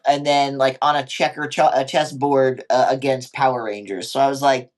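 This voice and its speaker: Male co-host, casual recap chat, profane, jumps into quick character voices, mid pitch. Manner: profane, animated, acts out characters' lines. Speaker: podcast co-host.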